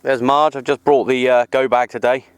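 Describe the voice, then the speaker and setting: In a flat, medium-pitched delivery at a moderate pace, a man chats informally outdoors on a hill, tossing in matey slang like a radio hobbyist vlogging. Outdoor background noise is clearly heard.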